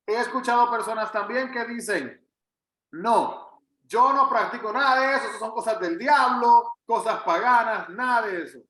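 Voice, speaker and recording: This pastor, from Puerto Rico and speaking with a Puerto Rican Spanish accent, gives a conversational Bible teaching that is earnest and emphatic, repeating phrases for weight. His very high voice is pushed and bright at a normal pace, heard in reverberant, poor-quality audio.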